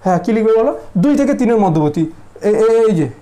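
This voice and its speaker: A man's voice: high voice, animated, brisk, mellow. Teasing casual math teacher, man. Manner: teasing, asks students constant check questions. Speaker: mathematics teacher. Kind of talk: casual classroom lecture.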